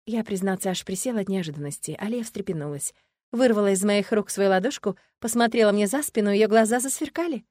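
A woman reading a first-person audiobook in a measured, expressive storytelling manner. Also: medium pitch, dry recording. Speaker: audiobook narrator.

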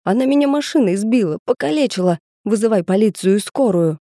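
A woman's voice: fairly low pitch, measured pace, dark tone, no echo, clean studio sound. Woman reading as a scared cornered thug. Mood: shouting panicky.

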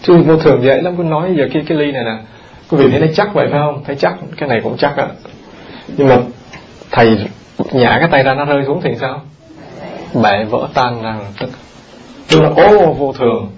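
Gravelly monk giving an animated sermon. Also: male voice, mid-range voice, a little fast, dull audio, slight background noise. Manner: animated, questions the audience often. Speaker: Buddhist monk teaching. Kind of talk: dharma talk sermon. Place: temple hall.

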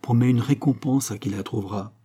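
A man voicing a moody, imperious young count, lovesick and emotional, with a husky voice. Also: medium pitch, a little fast, mellow, close to an everyday voice. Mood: coaxing.

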